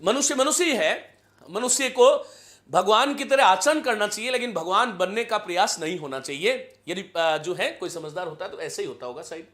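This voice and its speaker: A man's voice: high voice, lively intonation, normal speed, a bit bright. A man teaching Hindi grammar in an online class, repeating key phrases several times and quizzing his students. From India. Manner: chants verse for students to repeat.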